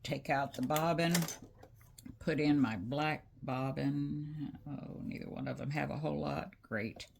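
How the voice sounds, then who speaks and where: A woman with a low, unhurried, creaky and darkish voice hosts a casual embroidery tutorial for her crafting channel, chatting homily with lots of fillers as she works at her machine in a craft room. The microphone sits away from her, so her voice is faint, with a little hiss or hum.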